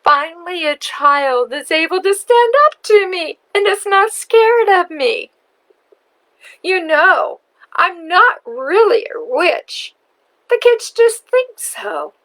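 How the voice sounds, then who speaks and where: A woman voicing a cackling, wrinkled old woman whom children take for a witch, speaking high and drawn out. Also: big pitch swings, slow pace, fairly bright tone, full character voice. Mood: pleased.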